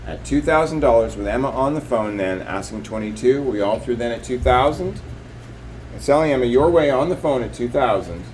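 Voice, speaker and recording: A man's voice: mid-range voice, animated, a little fast, darkish tone, slight background noise, rough recording. A man working as a live auctioneer, calling bids and increments in repetitive, clipped patter.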